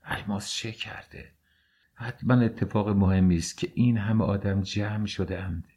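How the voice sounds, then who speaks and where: Give me a deep-voiced male audiobook narrator with a slow, grave, mournful reading. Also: fairly even intonation, darkish tone, breathy edge. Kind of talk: scripted first-person audiobook narration.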